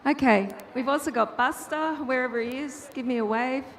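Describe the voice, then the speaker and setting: A woman's voice: sits high, normal speed, a little hiss or hum. A woman doing chatty, upbeat live interviews out on a race track grid. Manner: chatty, upbeat, talks over the crowd. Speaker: grid reporter.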